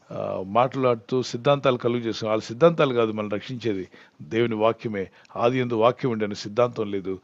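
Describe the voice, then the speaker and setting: In a Bible question-and-answer teaching session, a man speaking as a pastor earnestly poses questions to the listener before answering them. His voice is mid-range, and the dry recording has its highs cut off.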